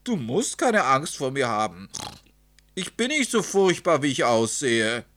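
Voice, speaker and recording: Man doing a small friendly pig, storybook figure, high squeaky voice, eager, excited. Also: extremely slow, gravelly, slight background noise, heavily acted. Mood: pleading. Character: small friendly young pig in ghost costume.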